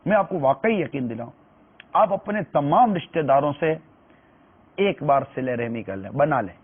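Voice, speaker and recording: A man's voice: on the high side, lively intonation, slightly rough. Earnest male preacher, tinny sound. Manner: earnest, pleading, repeats phrases. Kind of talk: religious talk.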